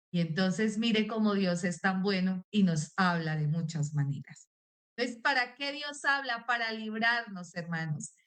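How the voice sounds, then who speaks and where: A woman's voice: on the high side, a bit bright. Earnest woman preacher giving testimony. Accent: Colombian Spanish. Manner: earnest, addresses the congregation as brothers and sisters. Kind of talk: sermon with personal testimony.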